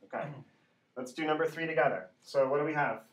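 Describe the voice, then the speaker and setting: A man's voice: fairly high pitch, fast talker, a crowd in the background. A man teaching an English pronunciation class, speaking instructionally, repeating sounds and often checking understanding with a short tag question. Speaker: ESL teacher. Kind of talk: classroom phonics lesson, slow drilling. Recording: echoey room, distant mic, background noise.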